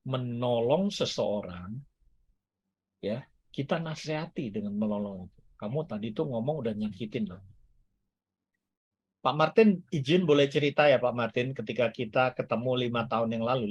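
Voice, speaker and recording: Older male guest preacher, animated and interactive, husky tone, wide pitch swings. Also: moderate pace, muffled recording. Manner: animated, swings between loud exclamations and soft asides, asks the audience questions. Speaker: guest speaker at a church service. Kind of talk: lively sermon teaching.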